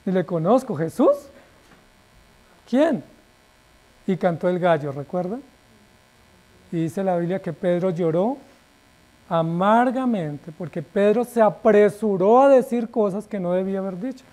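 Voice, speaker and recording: A male pastor preaching a sermon emphatically, asking rhetorical questions and letting his phrase endings fall quiet. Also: high voice, moderate pace.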